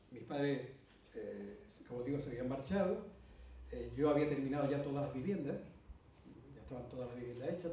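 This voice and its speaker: A mellow, medium-pitched male voice belongs to a middle-aged Andalusian speaker from Spain, his Andalusian Spanish accent clear as he addresses a conference. He recounts a lengthy anecdote with plenty of asides and fillers. There's a little hiss or hum, and the roomy hall is captured from a distance.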